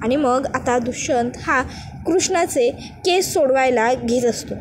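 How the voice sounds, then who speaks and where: A woman with a high, bright voice casually recounts a serial episode in storyteller fashion, switching into the characters' lines as she goes. Faint noise hums beneath the recording. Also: a little slow. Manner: storytelling narration, quoting each character's lines. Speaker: narrator.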